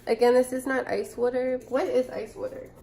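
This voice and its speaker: Recorded close up on a camera or phone, a woman in her twenties with a cold chats and thinks out loud while cooking in her kitchen for a casual vlog. Her stuffy, nasal voice is high-pitched yet dark in tone, delivered flatly at normal speed. There is slight background noise.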